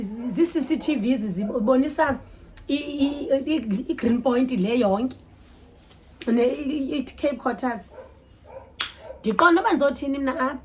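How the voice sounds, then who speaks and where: This storytime vlogger has a high voice and a South African Xhosa accent, and there's a little hiss or hum in the audio. Her storytelling is lively and casual; she code-switches partway through sentences, lets out exclamations, and performs the dialogue.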